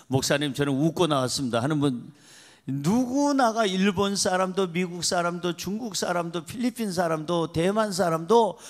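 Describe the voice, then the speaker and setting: Male pastor with a high voice, preaching emphatically and repeating lines. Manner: repetitive, emphatic preaching with calls to the congregation. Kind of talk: sermon.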